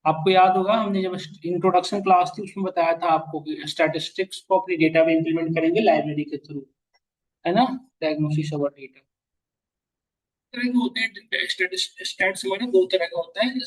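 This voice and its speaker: A man teaching a class, mixing English phrases into his Hindi and repeating key lines slowly for students to write down. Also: high-pitched, rough recording. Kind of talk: classroom lecture.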